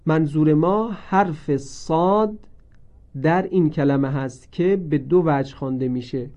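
A man teaching a recorded lesson on Quran reading, speaking slowly and deliberately and drawing out each word he recites. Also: fairly high pitch, dark tone. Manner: slow, deliberate, repeats each word with drawn-out recited forms. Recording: dull lo-fi recording.

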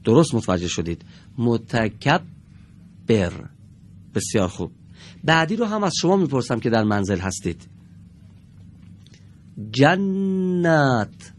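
A man teaching a televised reading lesson to children in a studio, patiently and slowly sounding out each word for his pupils. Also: on the low side, big pitch swings, a little hiss or hum.

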